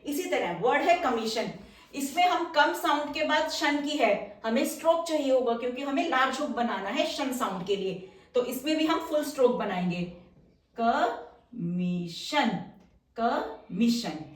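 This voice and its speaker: A woman teaching shorthand, explaining step by step and patiently repeating each word slowly as she writes it. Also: sits high, lively intonation. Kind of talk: explaining step by step while writing outlines. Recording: roomy echo, mic somewhat distant.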